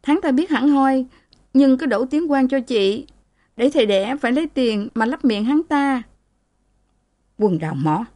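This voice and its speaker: A woman's voice: high voice, lively intonation, unhurried, long pauses, dark tone, pitched above the performer's own voice. A woman voicing a young married woman who has been beaten, speaking in a raised, pleading, tearful way. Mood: aggrieved.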